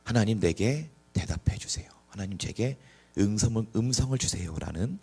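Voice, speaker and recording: Man voicing job, anguished righteous man, earnest, pleading, low voice. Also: lively intonation, moderate pace, warm tone, breathy edge.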